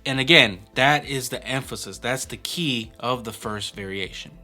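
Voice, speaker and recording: A man casually teaching a hand-drum pattern, explaining it step by step in a relaxed way with fillers. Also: mid-range voice, moderate pace, over music. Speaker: percussion teacher.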